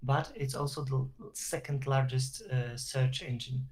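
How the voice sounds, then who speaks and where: A man's voice: medium pitch, little pitch movement, unhurried, a little mellow. A man with a Polish accent, a guest on an online interview, explaining at length with fillers and restarts over a video call. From Poland. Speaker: interview guest, SEO professional.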